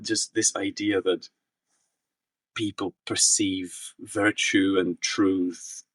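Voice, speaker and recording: A young researcher from the Czech Republic speaks in a very low, slightly husky voice. He answers interview questions thoughtfully, circling back and restarting his sentences. The recording is dry and picks him up from some distance. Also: a bit bright, no echo. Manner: thoughtful, many restarts and fillers. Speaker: researcher guest.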